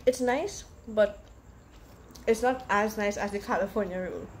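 A young woman chats through a mouthful of food, savoring each bite as she gives her verdict. Her pitch sits in an ordinary middle range. A steady layer of background noise runs under her voice. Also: a little slow. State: talking while chewing. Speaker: food reviewer. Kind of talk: casual food review.

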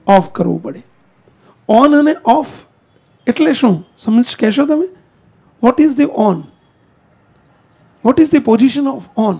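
A man's voice: extremely high pitch, gravelly, darkish tone. A man preaching a sermon in a temple hall, speaking straight to the congregation with questions and challenges.

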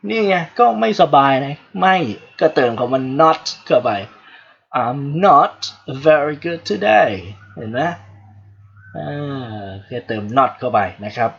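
Thai guy teaching english on a livestream, talks slow and bouncy, kinda dull lo-fi sound. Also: on the high side, animated, creaky, husky. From Thailand. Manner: chatty, joking asides to viewers. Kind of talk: casual livestream English lesson.

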